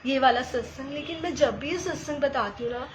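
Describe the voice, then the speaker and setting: A woman sharing a personal devotional testimony in an animated storytelling way, slipping English phrases into her talk. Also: sits high, fairly quick, background noise. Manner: addresses listeners as sangat ji.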